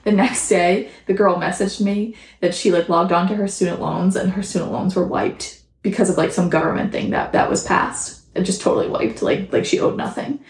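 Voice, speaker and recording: A woman's voice: on the low side, normal speed, few pauses, reverberant. Chatty woman recording on a phone. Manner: chatty, animated, mildly profane, laughs often. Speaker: podcast host and channeler. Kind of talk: casual spiritual podcast talk.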